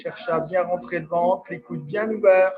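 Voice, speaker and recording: High-voiced male fitness coach on video call. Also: fairly even intonation, moderate pace. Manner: counts down reps, coaxing and upbeat. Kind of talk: live online workout class. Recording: dull lo-fi video call audio. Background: faint workout music.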